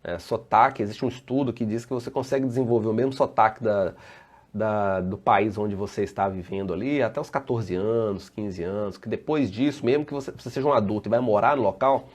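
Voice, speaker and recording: A man's voice: on the low side, a little fast. A Brazilian man, a safety engineer and trainer, giving a casual live online presentation and answering viewer comments as he goes. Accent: Brazilian Portuguese.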